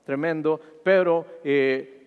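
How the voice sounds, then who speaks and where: A man's voice: fairly high pitch, takes it slowly, clean tone, narrow, tinny audio. A man preaching a sermon, retelling a Bible passage and often checking with the congregation. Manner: asks the congregation "¿sí?" constantly, retelling scripture with rising fervor. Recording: long hall reverb.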